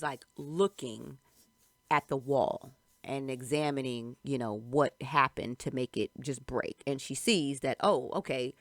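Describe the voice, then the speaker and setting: A woman in her forties, a book reviewer, casually recapping a novel, acting out characters' lines with big jumps in pitch and dropping to soft, low asides. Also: no room sound. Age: 40s.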